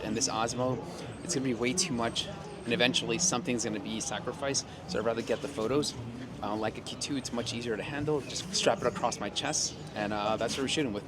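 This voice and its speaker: A man talking casually to camera as a vlogger, recorded outdoors at a city event. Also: medium pitch. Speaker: vlogger and photographer. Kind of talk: casual vlog talk to camera. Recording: loud music behind, outdoor urban noise.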